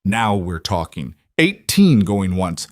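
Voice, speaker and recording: A man voicing a brash, weasel-faced male auctioneer on the frontier, with loud hawking patter. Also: sits low, sing-song, takes it slowly, no room sound, clean studio sound, exaggerated voice. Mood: sharp.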